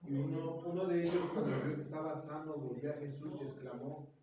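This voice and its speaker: A man, a class member, reading a Bible passage aloud in a steady, plain voice. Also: fairly high pitch, fairly quick. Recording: distant voice, echoey room, background noise.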